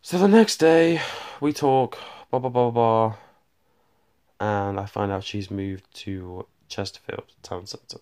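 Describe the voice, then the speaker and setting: A man's voice: on the low side, takes it slowly, mellow. A man tells a rambling personal story, often skipping details with "blah, blah, blah", while holding his phone to record. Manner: rambling, fills gaps with "blah, blah, blah". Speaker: vlogger. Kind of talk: casual storytime monologue. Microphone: handheld phone.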